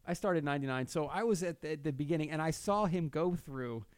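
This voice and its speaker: The host, a man from New Jersey, runs his podcast from a studio with a fairly high, expressive voice that's fast, clear, and resonant. He jokes brashly, swears freely, reads out plugs, and chats with guests, all with no room sound.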